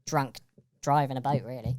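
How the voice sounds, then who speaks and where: A British man hosting a casual podcast chat, his voice altered with a chipmunk-like pitch shift. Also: steady tone, normal speed, a little mellow, no room sound. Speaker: podcast host.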